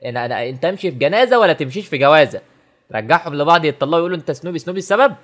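Man, Egyptian Arabic accent, joking reaction host, rapid-fire, fairly high voice. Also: lively intonation, fairly bright tone. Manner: rapid, teasing, mock-exasperated. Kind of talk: joking commentary on a sketch.

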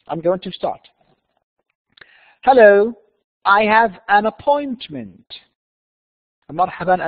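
High-voiced man teaching English, phone-like audio. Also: no room sound. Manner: reads English slowly, explains in Arabic. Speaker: university English instructor. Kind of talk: distance-learning lecture. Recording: dry, tinny phone-like sound.

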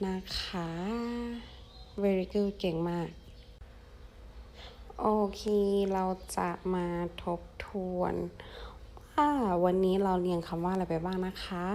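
A young woman who teaches English with a Thai accent and repeats each phrase slowly for her pupils to say back. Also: fairly low pitch, little pitch movement, a little mellow, slight background noise. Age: young adult. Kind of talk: slow, drawn-out classroom teaching.

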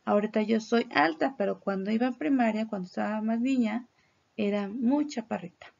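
A woman's voice: fairly high pitch, brisk, gravelly, darkish tone, highs cut off. A woman from Mexico with a Mexican accent, teaching English in a recorded lesson, explaining patiently in Spanish and modeling English words for her students to repeat. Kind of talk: recorded classroom lesson on slides.

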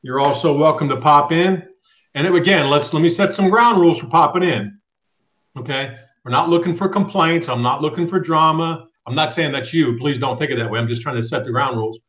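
A man's voice: fairly high pitch, a little fast, fairly bright tone. A middle-aged man runs a live video chat from a small room at home, speaking firmly and directly. His webcam sound is roomy and a little dull. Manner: firm, direct, reads viewer questions aloud. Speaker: host of a live trucking channel. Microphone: webcam on a video call.

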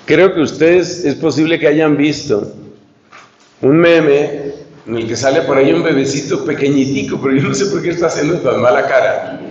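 Male priest, earnest retreat lecture, slightly high voice, roomy dull recording. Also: moderate pace, darkish tone, a little hiss or hum. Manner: earnest, speaks straight to the audience, poses questions. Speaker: priest giving a retreat talk. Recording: echoey room, dull lo-fi sound.

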